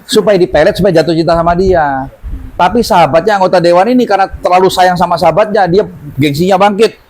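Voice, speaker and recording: Guy teaching a healing seminar, talks super fast, animated stories, kinda high voice. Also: poor audio. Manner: lively storytelling, acting out quoted voices. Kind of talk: seminar talk to an audience.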